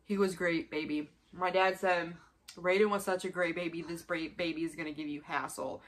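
A twenty-five-year-old woman speaks at normal speed with fairly even intonation, her voice on the low side. Filming a mukbang in a small indoor bedroom, she rambles casually to a camera a short distance in front of her and often repeats herself.

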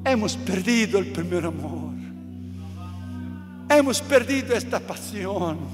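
A man preaches with fervor, his voice sitting unusually high. He drives home repeated phrases, rising to shouts. The sound rings with long hall reverb over faint music. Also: animated, slow pace. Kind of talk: sermon.

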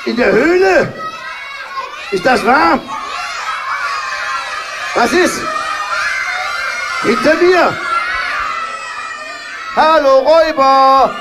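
A man's voice: very high-pitched, drawn-out words, pauses often, crowd noise, noisy background, full character voice. A man playing the cheerful, brave Kasper puppet hero, calling out to the children in a live puppet show. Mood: alarmed. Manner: bright, lively, calls out to the children. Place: puppet stage before a live audience.

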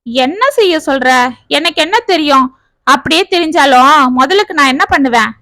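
A woman putting on a jobless young graduate from a storybook, defensive and pleading. The voice stays bright and high, recorded dry and close. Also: moderate pace, dry recording. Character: idle young man, educated and jobless, defensive. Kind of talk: storybook reading.

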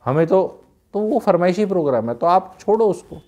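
A man from Haryana gives frank, casual advice to young people, slipping English into his speech. His voice is mellow and relaxed. He drives his points home with rhetorical questions. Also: high-pitched, a little fast. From Haryana, India. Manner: blunt, mixes Hindi with English, rhetorical questions. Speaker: youth advice speaker.

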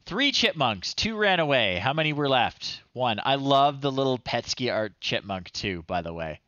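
This retro game show host, a streamer in his thirties, uses a sing-song, medium-pitched delivery at a moderate pace, bright and forceful. He casually narrates his game live, reading screen text aloud and adding playful, amused comments. The audio is a dry, slightly dull close-up from a small indoor room at home, with no echo.

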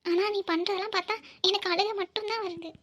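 A woman voicing a young, emotional bride-to-be in a cartoon, speaking softly through tears. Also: extremely high pitch, fairly even intonation, fast talker. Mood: tearful joy. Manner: tearful, soft-spoken. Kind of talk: cartoon voice acting.

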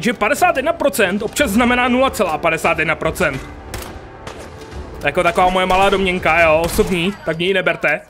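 Lively high-voiced man joking through a game. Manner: chatty, joking, swears at enemies. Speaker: gaming youtuber. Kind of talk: casual let's play commentary.

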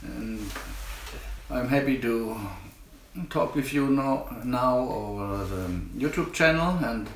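Gravelly older German-accented man. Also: medium pitch, takes it slowly, slight background noise. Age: 50s. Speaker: interviewee, sawmill operator. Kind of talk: casual interview. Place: living room by a tiled stove. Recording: roomy and distant.

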